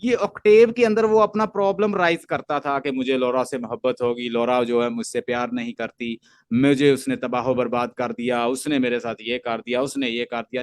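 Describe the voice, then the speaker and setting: A man with a Pakistani accent giving an online literature lecture, explaining step by step, repeating points and mixing English terms into his speech. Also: mid-range voice. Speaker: literature teacher.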